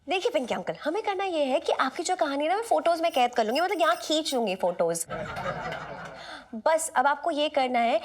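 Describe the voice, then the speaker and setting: A woman playing an excited, bossy young character in a comedy serial, directing the others. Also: high voice, fairly quick, crowd noise. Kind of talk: comic sitcom acting.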